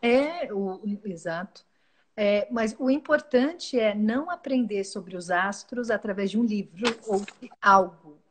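A woman, giving a calm, earnest spiritual talk as a guest, often restarting her words mid-phrase. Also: mid-range voice, measured pace, slight background noise. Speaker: guest speaker.

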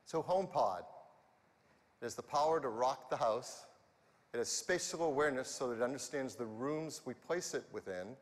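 A man's voice: medium pitch, lively intonation, normal speed. Enthusiastic man presenting in an arena. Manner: enthusiastic, walks the stage gesturing. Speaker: presenter at a product launch. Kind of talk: keynote product presentation. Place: large arena stage before a big audience. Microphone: headset mic. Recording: reverberant arena.

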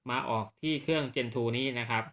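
A man shows off radio equipment hands-on for viewers of his own video channel, speaking briskly in a medium-pitched, slightly bright voice. He explains courteously and casually, checking often that his audience is following along.

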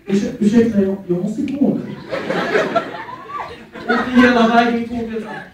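A young man telling animated stand-up stories and acting out the people in them. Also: extremely high pitch, a crowd in the background, background noise. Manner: animated, acting out quoted people in many voices. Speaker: stand-up comedian. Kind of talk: stand-up storytelling. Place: stage before a live audience. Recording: echoey room from far off, audience laughing.

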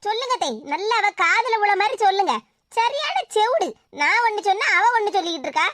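A woman's voice: extremely high pitch, lively intonation, a little fast, fairly bright tone, dry recording, studio quality. A woman voicing a cheeky, argumentative young cartoon girl with a Tirunelveli Tamil accent. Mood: defiant. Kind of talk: cartoon voice acting.

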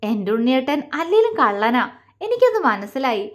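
Audio story: woman playing an affectionate young wife, playful and pleading, a touch high. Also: big pitch swings, normal speed. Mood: teasing. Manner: affectionate, coaxing, softly pleading. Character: loving, teasing young wife.

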